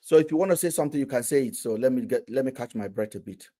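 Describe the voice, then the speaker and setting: A man's voice: mid-range voice, racing, dark tone. A man hosting a casual live stream, talking animatedly and often restarting his words.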